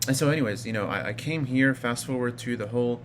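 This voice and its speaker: A medium-pitched man in his thirties from Iraq speaks fast against a noisy background. In his vlog, he tells his story in a rambling, relaxed way, peppered with fillers and restarts.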